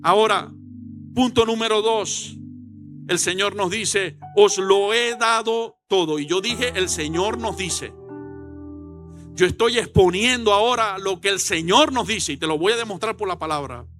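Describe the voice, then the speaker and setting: A middle-aged man with a Venezuelan accent delivers a Sunday sermon in church, his voice high-pitched and bright. He tells stories with animated, acted-out quotes. Faint music sits behind him. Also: moderate pace. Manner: animated storytelling, acts out shouted quotes. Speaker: pastor.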